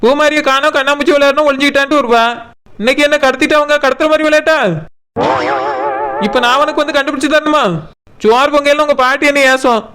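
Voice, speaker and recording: A woman's voice: high voice, steady tone, fairly bright tone. A woman voicing a chatty, alarmed village woman in a cartoon, with a Kanyakumari Tamil accent. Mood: fussing. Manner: quick, fussing, exclaiming. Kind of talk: cartoon voice acting. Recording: background hiss.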